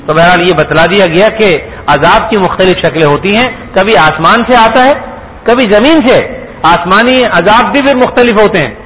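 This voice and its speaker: A man's voice: high-pitched, a bit bright, rough recording. A man giving a sermon, explaining patiently and asking his listeners rhetorical questions. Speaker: Islamic preacher.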